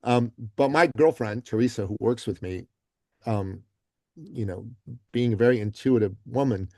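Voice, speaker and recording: A man's voice: mid-range voice, normal speed, dry recording. Man, podcast guest, casual storytelling, lots of fillers, dry close sound. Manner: animated storyteller, acts out quotes; frequent fillers like um and you know.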